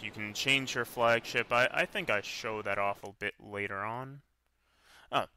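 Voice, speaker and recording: A man's voice: lowish voice, sharp tone, a little hiss or hum. A man casually commenting on his own gameplay, rambling and correcting himself as he goes. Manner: rambling, self-correcting, offhand. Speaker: let's play commentator.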